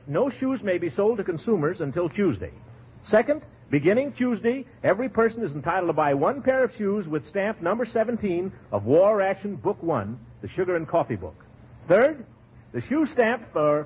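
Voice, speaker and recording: A male radio announcer giving a formal wartime news bulletin, heard through an old 1940s broadcast recording, with an emphatic, crisp delivery. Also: high voice. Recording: dull lo-fi vintage broadcast.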